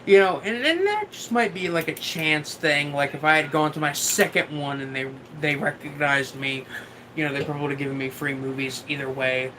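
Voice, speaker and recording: A man livestreaming while drunk, chatting casually and haltingly as he answers viewers, often losing his thread and swearing now and then. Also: on the high side, sharp tone, a little hiss or hum, rough recording. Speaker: livestream host.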